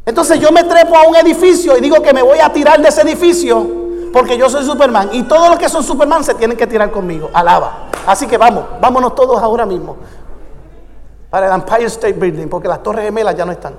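A man's voice: very high-pitched, fast talker, a little mellow. A man preaching a sermon, playful at times and building to fervent, repetitive calls. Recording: long hall reverb.

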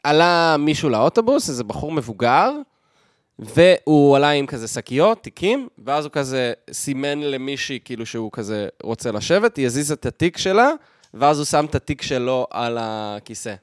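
A man's voice: medium pitch, no echo, studio quality. A man co-hosting a podcast in casual chat, telling stories with animation and acting out the people in them. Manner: animated storyteller who acts out the people in his stories. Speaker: podcast co-host.

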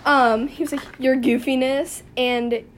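A woman's voice: high voice, fairly even intonation, measured pace, slight background noise. A young woman co-hosting a casual chat, animatedly reading out text messages and giggling. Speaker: podcast co-host.

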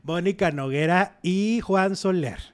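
Man, Mexican accent, slightly high voice, animated gossip co-host, dramatic retellings. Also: a little slow, smooth. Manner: animated, dramatic, acts out quotes with exclamations. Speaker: entertainment show co-host. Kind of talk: casual gossip chat.

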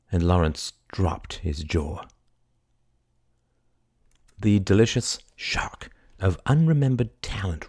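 A man narrating a historical novel in a measured, lyrical storytelling manner. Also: low voice, darkish tone, dry recording, studio quality. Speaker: audiobook narrator. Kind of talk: scripted narration.

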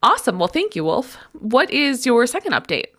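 A woman co-hosting a podcast who sounds stuffed up and congested. She chats casually and agreeably, guiding the talk in a relaxed way. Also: fairly high pitch, moderate pace. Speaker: podcast co-host. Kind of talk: casual chat.

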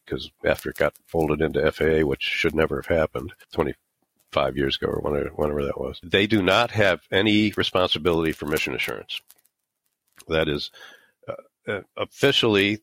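A middle-aged man giving explanatory interview answers, starting haltingly and then making his points emphatically. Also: extremely low pitch, fairly bright tone. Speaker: interview guest, author and former aerospace engineer.

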